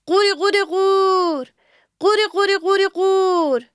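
A woman voicing a small, eager, cheerful pond frog who croaks in a sing-song chant. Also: very high-pitched, fairly even intonation, no echo, clean studio sound, pitched above the performer's own voice. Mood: cheerful croaking.

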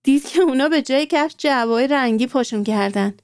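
Brief: female children's storyteller, fairly high voice, dry close sound, speaks straight to the kids. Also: dry recording. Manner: warm, addresses children directly with questions.

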